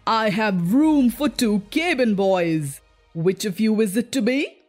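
A woman's voice: mid-range voice, expressive, takes it slowly, darkish tone, soft background music. A woman voicing a menacing, pompous male pirate captain with a commanding, theatrical, old-fashioned manner in a storybook.

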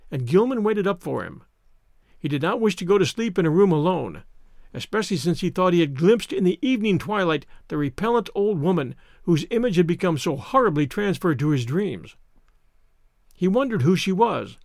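Man, high-pitched voice, horror story narration, podcast host, very dry recording. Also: no echo. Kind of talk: audiobook-style reading of a horror story.

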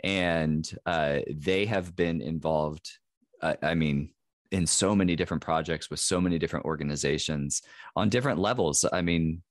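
A man with a low voice co-hosts a casual podcast and rambles, restarting his sentences and filling pauses. The mic is close and dry. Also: no echo. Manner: rambling, full of fillers and restarts. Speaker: podcast co-host.

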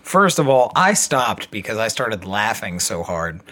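A man's voice: lowish voice, big pitch swings, a little slow, bright, forceful tone. A man hosting a recovery podcast in loose, casual talk, joking and swearing freely. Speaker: podcast host.

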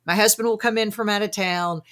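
A woman's voice: mid-range voice, fairly even intonation, a little fast, fairly bright tone. A woman with a Southern accent from Arkansas, hosting a casual interview in a chatty, effusive, anecdotal way. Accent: Arkansas, American South. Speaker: podcast host, fasting coach.

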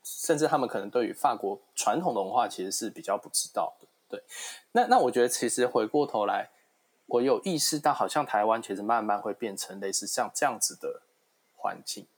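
A man's voice: fairly low pitch, expressive, fairly quick, husky. A man with a Taiwanese Mandarin accent in a casual discussion, dropping English words into his speech.

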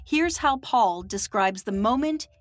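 A woman reporter giving scripted documentary narration in a measured, deliberate delivery. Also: fairly high pitch, animated, dry recording, faint music behind.

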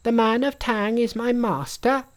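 A man doing a high, cheeky monkey sage. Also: steady tone, measured pace. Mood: boastful. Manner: high, bold, teasing. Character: cheeky boastful male monkey sage, ageless.

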